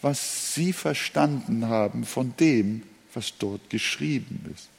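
Slow emphatic male preacher in a hall. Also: medium pitch, creaky, husky. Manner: emphatic preaching, stresses single words. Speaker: pastor. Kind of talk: sermon. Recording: long hall reverb.

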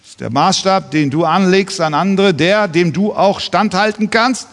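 A man's voice: high-pitched, unhurried, a bit bright, big-room sound. A man preaching a sermon as pastor, earnest and pressing his listeners with pointed rhetorical questions.

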